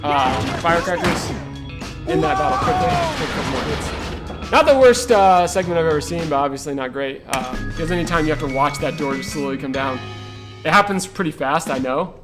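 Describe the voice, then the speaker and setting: A man speedruns a game while giving rambling, chatty live commentary packed with "like" and "uh," laughing at himself between points. His voice is fairly high, lively in intonation and a little fast. Game music and sound effects play behind him.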